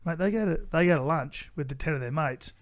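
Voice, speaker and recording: On a podcast he co-hosts, a middle-aged Australian man speaks briskly in a voice on the high side. He chats bluntly and casually, swears freely, says things twice, and frequently begins sentences again.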